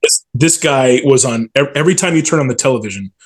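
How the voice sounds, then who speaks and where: A man in his forties, a stadium PA announcer, speaks fast with a medium-pitched voice and lively intonation. As an interview guest, he tells stories casually and enthusiastically in colloquial language.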